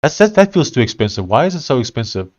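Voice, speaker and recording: Talking fast with big pitch swings, this medium-pitched South African man live-streams his coding, his Afrikaans accent thick. He thinks aloud with lots of fillers and restarts as he chats with viewers, and the audio's highs are cut off.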